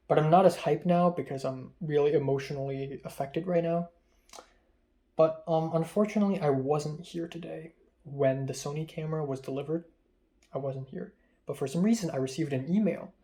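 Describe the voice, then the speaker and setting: In a confessional vlog, a young man with a Hong Kong English accent rambles and puts himself down, filling gaps with lots of "um." His raspy, muffled voice sits fairly high in pitch and has a dark tone.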